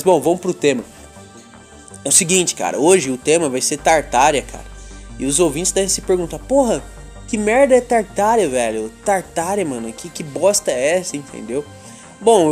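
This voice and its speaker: A young Brazilian man talks through a crude, slangy, meandering podcast monologue, laughing often between his points. His voice sits a little higher than most men's. Faint music plays softly beneath him. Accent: Brazilian Portuguese. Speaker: podcast host. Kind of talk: casual chat monologue.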